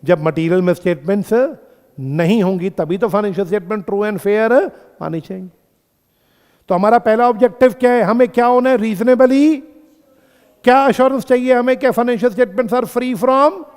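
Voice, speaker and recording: A man with a high, smooth, resonant voice teaching a class. He keeps asking his students questions and repeats the key terms slowly so they can write them down. The sound has a long, hall-like reverb. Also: darkish tone. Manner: addresses students as beta and friends. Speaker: accountancy teacher. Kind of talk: classroom lecture.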